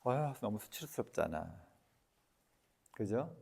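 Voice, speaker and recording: A man giving a lecture, lively and talkative, who keeps quizzing his audience with questions. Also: fairly low pitch, takes it slowly, gravelly, husky, big-room sound.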